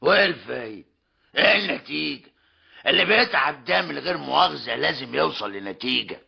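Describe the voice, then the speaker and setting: An actor plays a mocking, stubborn older tradesman and father in an old Egyptian Arabic radio comedy drama, keeping up a polite tag over and over. His gravelly, husky voice is a little high, fast and expressive, swooping theatrically in a full character voice, heard through a dull, lo-fi old radio recording.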